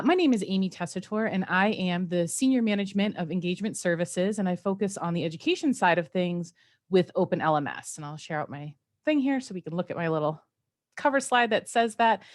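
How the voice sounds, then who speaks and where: A woman's voice: medium pitch, a little fast. A woman giving a friendly, enthusiastic conference presentation on a video call.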